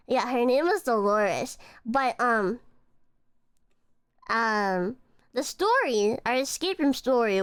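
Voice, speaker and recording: A woman streamer telling a story in a chatty, animated way, with laughs and fillers. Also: a little high, dry recording, clean studio sound. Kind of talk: casual storytelling.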